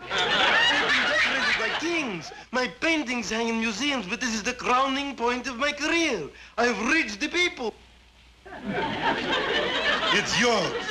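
An actor playing a vain, flamboyant painter who talks in a grandiose, theatrical way. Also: male voice, very high-pitched, wildly swooping pitch, a little slow, long pauses, full character voice. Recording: hissy old TV soundtrack.

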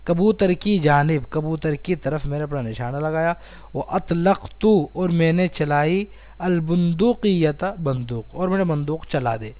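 A man with an Indian Urdu accent, his voice pitched a little high, teaches a recorded Arabic lesson. He reads each phrase aloud and then explains its words one by one. The sound is dry, with almost no room echo. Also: a little mellow. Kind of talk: recorded online lesson, reading and translating.

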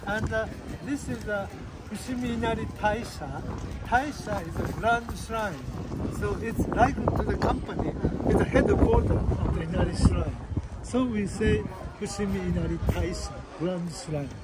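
A man's voice: sits high, lively intonation, a little slow. A man working as a tour guide, patiently explaining to visitors outdoors. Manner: patient, explanatory, uses fillers. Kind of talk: explaining to tourists. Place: outdoors at a shrine. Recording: loud outdoor noise, off-mic.

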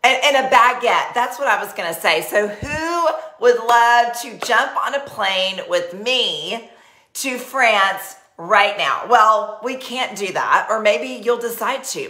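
An animated but unhurried woman with a medium-pitched, sharp-toned voice and a Texas accent speaks in a reverberant room. Hailing from Texas, she's bubbly and chatty and talks with her hands as she hosts a live-streamed sales party. She's set up in a small decorated home office with a webcam at her desk.

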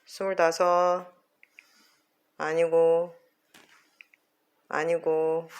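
Strict woman exercise coach, very slow-paced. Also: deep voice, flat delivery. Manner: clipped, strict, repetitive commands. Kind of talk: counting reps and giving short corrective cues.

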